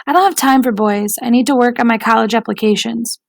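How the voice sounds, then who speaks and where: Woman narrator playing a dry, sarcastic high-school girl in an audiobook, slightly gravelly tone. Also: a little fast, no room sound.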